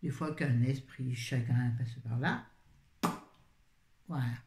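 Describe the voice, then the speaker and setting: This woman has a very deep, slightly mellow voice and speaks slowly. She's a book vlogger giving a casual book review chat to viewers, rambling and interrupting herself frequently, recorded with a roomy echo.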